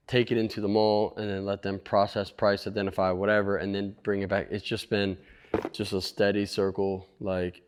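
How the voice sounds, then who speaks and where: A middle-aged man who runs a toy store, chatting casually and joking, his voice dropping low and quiet when he explains things. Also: clean tone. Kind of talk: casual chat.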